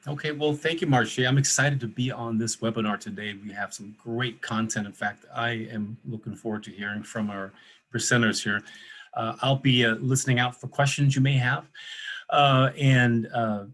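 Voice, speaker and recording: A man's voice: medium pitch, steady tone, normal speed, a bit bright. A man in his forties from Denmark, a financial planner moderating a webinar, telling his story in a conversational way with many fillers. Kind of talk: casual personal introduction.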